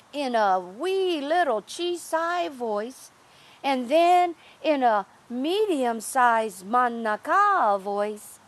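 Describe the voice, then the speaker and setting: A woman storyteller telling a fairytale in an animated, sing-song way. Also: high-pitched.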